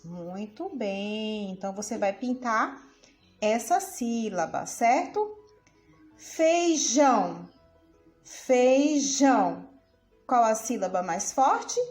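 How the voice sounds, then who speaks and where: A woman teacher giving a school lesson, drawing out words slowly and checking in with questions to the pupil. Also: a little high, darkish tone. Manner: slow, drawn-out syllables, repeats words aloud; asks the pupil questions, says "certo?". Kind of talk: recorded remote school lesson. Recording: roomy echo, faint music behind.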